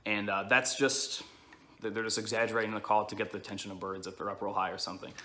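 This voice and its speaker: A man's voice: lowish voice, flat delivery, quick pace, pushed and bright. A man giving a casual, hands-on tutorial as an instructor, explaining informally and often checking in with the listener. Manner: informal, explanatory, frequent check-ins like "okay" and "all right". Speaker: duck-calling instructor.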